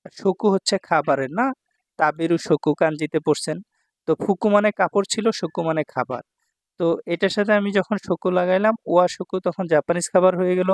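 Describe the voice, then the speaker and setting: Male language teacher, patient and explanatory, a bit high-pitched, dead dry sound. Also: brisk, no room sound. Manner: explains patiently, checks in with "ঠিক আছে ভাই?". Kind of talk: vocabulary lesson explanation.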